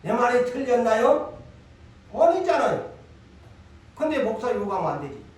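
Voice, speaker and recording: A man with a Gyeongsang accent preaching a Sunday sermon, forceful, repeating lines and throwing rhetorical questions at his congregation. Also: very high-pitched, very animated, normal speed. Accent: Gyeongsang Korean. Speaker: pastor. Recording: echoey hall, voice from far off.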